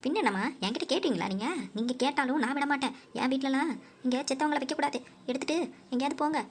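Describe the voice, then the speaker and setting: A woman's voice: high voice, quick pace. A woman voicing a harsh stubborn cartoon landlady. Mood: scolding, curt. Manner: scolding, curt. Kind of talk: cartoon voice acting. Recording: music loud behind.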